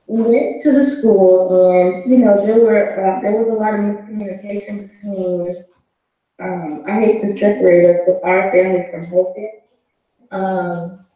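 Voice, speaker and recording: Woman calling in by phone for a church testimony, halting with many pauses, a dull muffled line heard from far back in an echoey hall. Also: medium pitch, mellow. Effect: phone call voice played over the church sound system, muffled. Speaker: church member giving a testimony. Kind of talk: hesitant spoken testimony.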